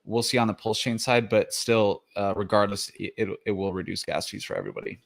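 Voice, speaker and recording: A man with a fairly low voice walks through his slides in a loose, rambling way. He is slightly out of breath and leans on fillers and restarts as he explains. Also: very animated, brisk, vocal fry. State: out of breath after the gym. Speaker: crypto video host. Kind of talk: casual explainer presentation.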